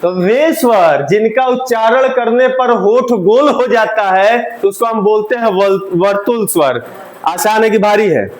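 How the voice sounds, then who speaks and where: A man's voice: high-pitched, unhurried. A male teacher giving a Hindi grammar lesson, asking the class questions and having them repeat the answers. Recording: roomy classroom echo.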